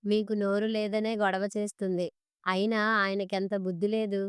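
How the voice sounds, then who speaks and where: A bitter old milkman from a storybook, scornful and indignant, read by a woman narrator. The voice is clear and crisp with little pitch movement. It is recorded dry, with no room sound. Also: flat delivery, moderate pace, dry recording, lightly acted.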